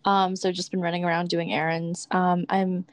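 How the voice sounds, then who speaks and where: Young woman from burma on a call from her car, dry close sound, lowish voice. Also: flat delivery, normal speed, no echo. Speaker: community organizer. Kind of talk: casual video-call chat. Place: parked car.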